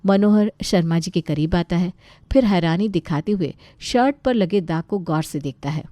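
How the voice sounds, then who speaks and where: A woman narrating an animated moral story in an even, scripted storytelling delivery. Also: on the low side, normal speed, no room sound.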